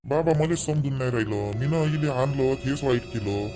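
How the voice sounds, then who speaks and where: A man's voice: mid-range voice, normal speed, over music, close to an everyday voice. A man playing an anxious young husband. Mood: worried, helpless. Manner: worried, helpless appeals.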